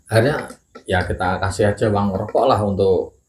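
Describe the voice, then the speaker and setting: A middle-aged man with a fairly low voice recounts an eerie experience in relaxed conversation. He takes his time, pausing between phrases. The room is echoey, with a faint hiss underneath. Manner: measured storytelling with pauses and occasional coughs. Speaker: guest storyteller. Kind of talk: casual chat, telling a ghost story.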